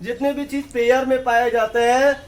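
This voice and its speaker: A man's voice: very high voice, level tone, normal speed. A male English teacher in a classroom, teaching in call-and-response and repeatedly quizzing students with either-or questions. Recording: distant classroom recording with student chatter.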